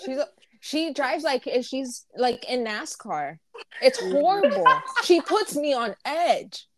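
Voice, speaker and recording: Higher-voiced woman, animated and exasperated. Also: takes it slowly, very noisy. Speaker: podcast co-host. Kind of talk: casual chat.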